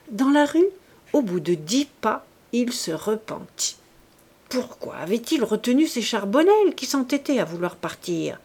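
A woman reading a classic novel aloud as an audiobook narrator, in a measured, even way. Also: medium pitch. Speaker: audiobook reader.

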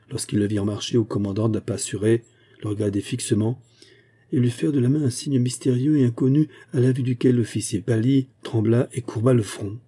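Dark, husky-voiced male narrator. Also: mid-range voice. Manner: measured, even storytelling. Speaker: audiobook narrator. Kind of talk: scripted narration of a classic novel.

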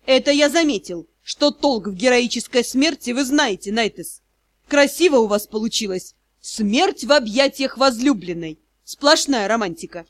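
A woman's voice: a little high, animated, moderate pace, dry recording, natural voice. A woman voicing a mocking, sinister male magister of death in an audiobook. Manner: sneering, ironic.

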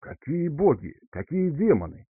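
A male reader voicing a gruff, blunt older father speaking in short exclamations, recorded dry with a narrow, phone-like sound. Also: fairly high pitch, very animated, moderate pace, dry recording, pitched above the performer's own voice. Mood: stunned. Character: grieving older father, gruff then overjoyed.

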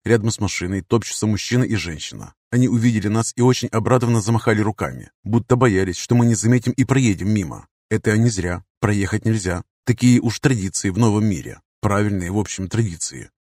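A man with a lowish voice reading an audiobook in the first person. His manner is wry and cynical, steady and matter-of-fact. The recording is dry and close, with no room sound. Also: a little fast, few pauses, no echo. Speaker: audiobook narrator.

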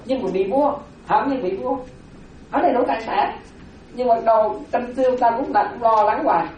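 A woman giving a Buddhist Dharma talk, explaining slowly with repeated phrases and rhetorical questions. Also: fairly high pitch, dull audio, a little hiss or hum. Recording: very echoey hall from far off.

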